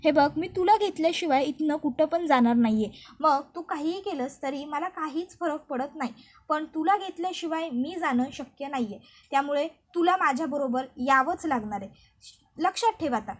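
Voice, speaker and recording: A woman's voice: high-pitched, lively intonation, normal speed. A woman voicing a playful, persistent village husband who teases in a rural dialect. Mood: insistent. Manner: rural dialect, teasing, insistent. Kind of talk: recap narration with read-out dialogue.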